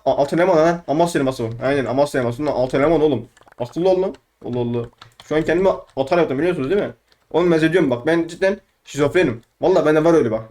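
A young gaming YouTuber with a high voice rambles excitably through let's play commentary, trash-talking opponents and talking to himself.

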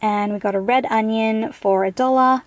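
A woman's voice: fairly high pitch, fairly even intonation, moderate pace, no echo. Chatty Australian woman with a dry, close sound. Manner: chatty, thrifty, matter-of-fact price rundown. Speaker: vlogger. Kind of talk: casual grocery haul vlog. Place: inside a parked car.

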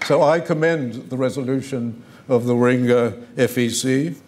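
A man's voice: medium pitch, fairly even intonation, normal speed, darkish tone. An older man giving an emphatic, formal speech at a lectern in a conference hall, repeating phrases for force. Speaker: convention speaker.

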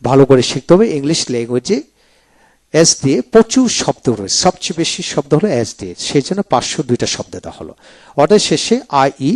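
Lively Bengali man teaching pronunciation. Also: medium pitch. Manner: explains step by step, repeats example words slowly, often says "then come". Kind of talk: video lecture walking through a book.

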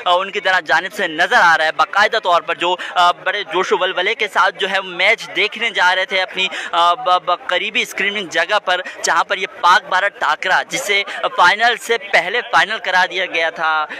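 Man doing a live field news report, somewhat high and very bright voice, stumbling through fillers, recorded on a phone outdoors. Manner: halting, many fillers and restarts. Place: large open-air screening venue at night.

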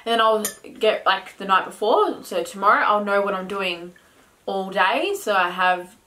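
A woman's voice: mid-range voice, normal speed, bright, forceful tone, poor audio. A woman in her twenties chatting casually at a table as a guest. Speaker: guest, sister of host, fitness instructor. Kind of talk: casual chat. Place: small room indoors at a table. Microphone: camera a short distance away. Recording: background noise, clinking cutlery and bowls.

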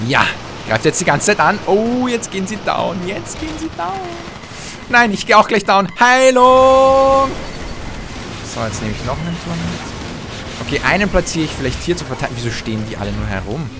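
Excitable young man commentating a game. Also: on the high side, brisk, over music. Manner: animated, trash-talking, hums and mutters to himself. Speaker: gameplay commentator. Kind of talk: excited let's-play commentary. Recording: game sound effects and gunfire behind voice.

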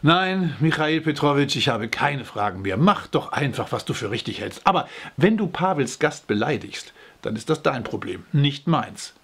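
A man reading aloud, voicing a sharp-tongued older village woman who scolds dryly. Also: mid-range voice, big pitch swings, moderate pace, few pauses, husky, full character voice. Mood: dismissive. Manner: scolding, dry.

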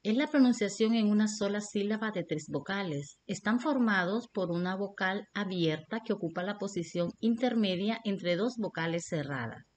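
A woman teacher with a Honduran Spanish accent, reading a scripted lesson in a slow, deliberate way. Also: medium pitch, lively intonation, darkish tone, slight background noise.

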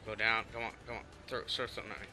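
Excitable young-sounding gamer man, very bright voice. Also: fairly low pitch, racing, faint music behind. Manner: excitable, repeats words when panicking. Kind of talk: let's play commentary.

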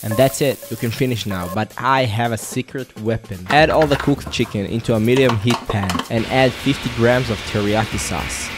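A young man giving calm, step-by-step cooking instructions in a scripted voice-over. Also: mid-range voice, normal speed, few pauses. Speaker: fitness cooking creator. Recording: voice-over over loud music. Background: background music.

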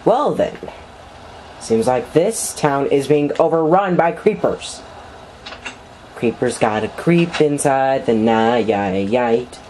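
Melodramatic let's-play commentator, slow and lively. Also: mid-range voice, slight background noise, poor audio. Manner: melodramatic, panicky, repeats words in long strings. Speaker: gameplay commentator.

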